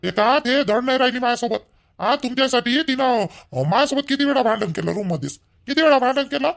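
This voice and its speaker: A man playing an angry young son-in-law who demands money, shouting and rough. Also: extremely high pitch, expressive, fast, exaggerated voice. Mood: scolding.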